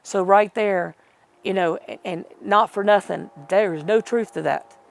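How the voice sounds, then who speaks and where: Soft music plays behind a middle-aged woman being interviewed, whose mid-range voice is unhurried and has vocal fry. She rambles through an emotional personal story, acting out other people's lines.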